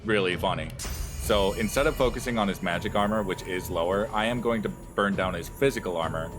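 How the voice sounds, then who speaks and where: A man's voice: fairly low pitch, a little fast. A young man giving casual gameplay commentary as a streamer, rambling with lots of fillers. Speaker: streamer playing a game. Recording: commentary over loud game music.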